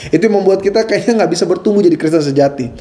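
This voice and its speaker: A man preaching a sermon as pastor, playful and animated, talking straight to the congregation and often laughing. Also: high-pitched, rapid-fire. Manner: speaks directly to the congregation.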